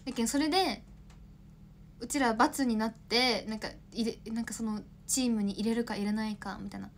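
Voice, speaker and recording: A woman's voice: fairly high pitch, steady tone, fairly quick, slight background noise. A young woman in her twenties, an idol chatting casually on a livestream, rambling, laughing often and answering viewer comments.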